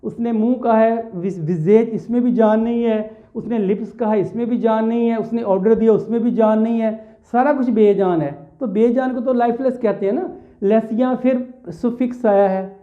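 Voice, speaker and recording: A man's voice: sits high, normal speed. Pakistani male teacher, tinny lo-fi recording. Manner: explains step by step, repeats phrases, mixes English terms into Urdu. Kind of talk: classroom lecture explaining a poem. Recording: tinny phone-like lo-fi sound.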